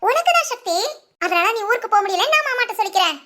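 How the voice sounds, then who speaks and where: A woman acts out a playful young married sister in an animated village story. The voice sits very high and sounds bright and sharp. She teases her brother and giggles her way through every line. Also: fast, heavily acted. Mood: teasing. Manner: giggly, wheedling, teasing. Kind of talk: cartoon voice acting.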